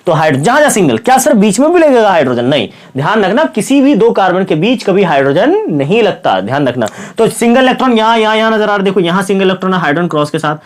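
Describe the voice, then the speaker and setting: A male science teacher giving a classroom-style chemistry lesson with a sore, slightly hoarse throat. He asks his students questions, answers them himself, and keeps repeating the key words. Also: high-pitched, very animated, fast talker, few pauses. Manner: repeats key words and calls listeners "kids" and "brother".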